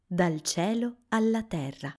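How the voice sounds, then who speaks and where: A woman narrating a children's story in an expressive, lilting way. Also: lowish voice, takes it slowly.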